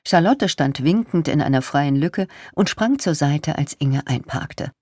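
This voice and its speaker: A reader giving calm, scripted narration of a novel. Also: mid-range voice, measured pace, no echo, clean studio sound. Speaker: audiobook reader.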